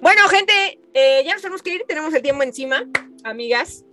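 Slangy mexican woman, lively storyteller. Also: sits high, fairly quick. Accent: Mexican Spanish. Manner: slangy, joking, acts out voices in stories. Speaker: podcast host. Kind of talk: casual chat.

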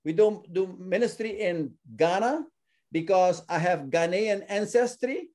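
Earnest man from suriname, mellow voice. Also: high-pitched, a little slow. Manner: earnest, often repeats words while searching for them. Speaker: ministry founder, guest. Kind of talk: casual interview talk.

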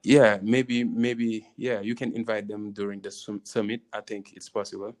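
A man with a Senegalese accent gives conversational interview answers. His voice sits on the low side and moves very little in pitch. He is hesitant, often repeating a phrase before he carries on. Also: little pitch movement, moderate pace, darkish tone. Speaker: interviewee, tourism venture co-founder.

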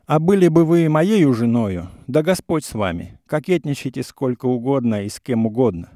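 A man's voice: mid-range voice, animated, normal speed, mellow, dry recording, studio quality, voice pushed up, lightly acted. A man reading as an indignant young suitor. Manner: heated, indignant, insistent. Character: hot-headed young gentleman suitor, easily angered. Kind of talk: audiobook character reading.

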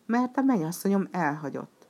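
A sorrowful, soft-hearted male clown , as a woman reader puts him on speaks in a plaintive, low voice. His lines come out mournful and resigned. He is a storybook figure from a puppet theater. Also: animated, creaky. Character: sad, gentle male clown.

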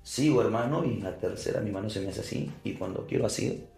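Young guy telling a story on a podcast, kinda low and gravelly, faint music under. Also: fast talker. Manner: animated storyteller, addresses listener as brother. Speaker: podcast guest. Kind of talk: storytelling in casual interview.

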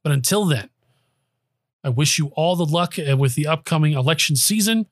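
Male podcast host, sarcastic and emphatic monologue, slightly high voice, dry close mic. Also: lively intonation, moderate pace, no echo. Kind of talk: political commentary monologue. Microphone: close studio microphone.

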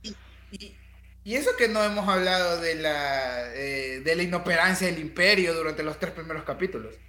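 A man with a high, bright, sharp voice. He talks in a laid-back, slangy way on a casual podcast. The room around him is echoey. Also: moderate pace. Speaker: podcast co-host.

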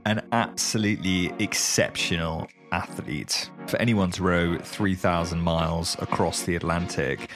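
A man hosts a podcast with effusive enthusiasm. His voice sits fairly low, and faint music plays underneath. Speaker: podcast host. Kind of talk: casual interview chat.

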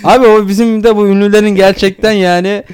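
A man's voice: sits high, flat delivery, fast talker, a little mellow, clean tone, no room sound, clean studio sound. A man co-hosting a podcast, trading crude jokes and laughing in casual chat. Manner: laughing, crude joking banter. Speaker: podcast co-host.

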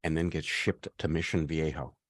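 A man's voice: a bass voice, steady tone, normal speed. A man in his fifties co-hosting a podcast, telling a long story in casual chat with many restarts. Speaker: podcast co-host.

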